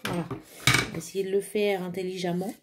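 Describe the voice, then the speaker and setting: Assembling a craft kit at home, this woman talks through the hands-on work casually, using fillers and little "tac" noises as she thinks aloud for her vlog. She speaks in a lowish, flat voice at normal speed over heavy background noise.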